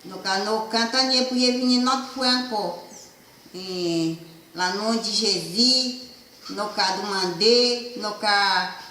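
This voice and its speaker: A man speaking slowly and haltingly in a recorded audio message, repeating phrases. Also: sits high, sharp tone, a little hiss or hum. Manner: slow, halting, repetitive speech. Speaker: recorded message from a mission community. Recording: roomy audio played back with faint ambience.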